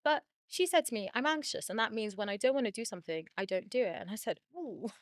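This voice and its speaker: A woman's voice: on the high side, expressive, no echo. Chatty woman therapist, very dry sound. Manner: chatty, quick, laughs often, uses like a lot. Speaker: therapist and channel host. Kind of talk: casual talk to camera.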